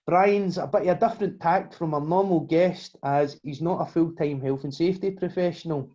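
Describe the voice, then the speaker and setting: Dark-toned male podcast host, lo-fi sound. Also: fairly high pitch, normal speed. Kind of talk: interview hosting.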